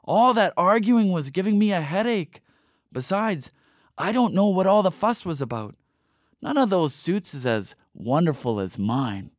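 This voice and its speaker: A man's voice: sits high, big pitch swings, a little slow, no echo, studio quality, voice pushed up. A man voicing a vain, boastful male coyote trickster in a storybook tale, talking in a showy, self-satisfied way. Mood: smug.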